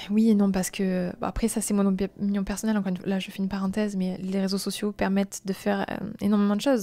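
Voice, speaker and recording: A woman in her late twenties hosting a live-streamed self-help talk, speaking softly and gently, sometimes dropping to a near-whisper, with many reflective hesitations. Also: medium pitch. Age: late 20s. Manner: soft and gentle, drops into a near-whisper at times.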